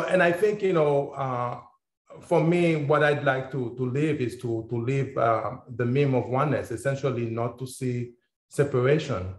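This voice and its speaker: A man born in Haiti speaks slowly and thoughtfully, filling his pauses with "you know" and "uh" as he shares in a group circle. His voice sits at a middle pitch. The room around him rings with echo. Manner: thoughtful, many fillers and restarts. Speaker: circle participant. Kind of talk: reflective personal sharing.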